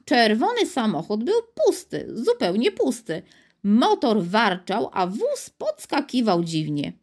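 A woman narrating a children's storybook in an expressive, measured reading. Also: a little high.

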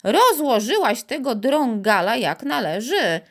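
A woman's voice: fairly high pitch, very animated, measured pace. A woman voicing a skeptical, stubborn young boy who mocks and gets riled easily. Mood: doubtful.

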